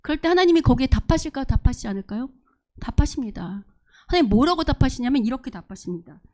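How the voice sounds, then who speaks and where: A woman pastor preaching a sermon with a high voice that rises and falls widely. She speaks earnestly and keeps asking the congregation questions. She is heard from a church service. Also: lively intonation, fast talker, darkish tone. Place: church service, streamed online.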